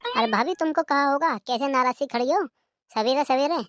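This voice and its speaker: A woman's voice: sits high, normal speed, fairly bright tone, dry recording. A woman voicing a nosy, meddling male neighbour in a cartoon comedy, chatty in manner.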